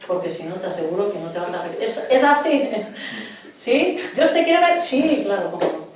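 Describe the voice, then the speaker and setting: A woman's voice: on the low side, expressive, a little fast, far from the mic. A middle-aged woman from preaching a sermon in a church hall, earnestly questioning her congregation. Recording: echoey hall, voice from afar.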